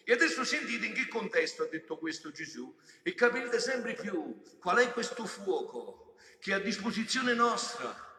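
Preacher friar with a bright, ringing voice. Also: male voice, high-pitched, very animated, normal speed. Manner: emphatic, swings between loud exhortation and hushed explanation; addresses the congregation directly with questions. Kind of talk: sermon. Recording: echoey church with long reverb.

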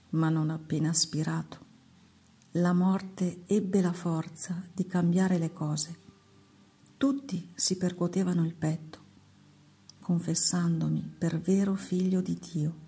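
A woman voicing the Lord as a solemn male divine figure in a slow, measured, hushed devotional reading. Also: fairly low pitch, breathy edge, exaggerated voice.

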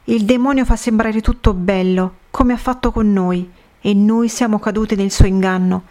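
A woman's voice: medium pitch, steady tone, moderate pace, a little mellow, close to an everyday voice. A woman reading as a tormented damned soul. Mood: bitter. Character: young damned female soul, bitter and tormented. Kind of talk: scripted narration of a religious vision.

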